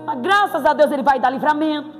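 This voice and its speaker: Brazilian woman preacher, high voice, lively and joking, church reverb with soft music under. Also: quick pace. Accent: Brazilian Portuguese. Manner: playful, animated, bursts into exclamations. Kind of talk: sermon. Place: church hall. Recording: reverberant hall with faint music.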